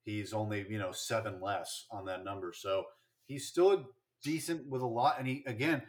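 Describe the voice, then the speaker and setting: A man's voice: on the low side, moderate pace. A man co-hosting a casual sports podcast, chatting and rattling off statistics with fillers and restarts. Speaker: podcast co-host.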